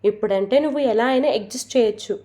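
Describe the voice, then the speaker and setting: A woman's voice: a little high, fast talker, mellow, lightly acted. A woman reading as a patient middle-aged lawyer. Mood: calm, persuasive. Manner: soothing, reasoning, fatherly.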